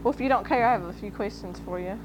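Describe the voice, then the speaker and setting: A clear hum sits behind a woman interviewer. Her voice is of medium pitch, and she puts her questions informally, as in a conversational oral history session. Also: fast. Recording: humming background noise.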